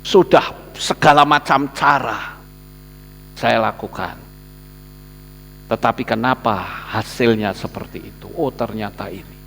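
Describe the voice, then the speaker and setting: A male pastor with a Javanese accent delivering a storytelling sermon in an animated manner, acting out the people he describes. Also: medium pitch, a little slow, gravelly, long pauses, slight background noise. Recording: long hall reverb.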